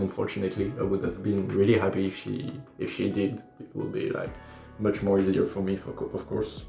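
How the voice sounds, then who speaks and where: A man's voice: fairly low pitch, gravelly, darkish tone, echoey room. A young man with a French accent chatting casually on a livestream while he does his makeup, rambling and self-deprecating with lots of fillers. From France. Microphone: phone or tablet livestream.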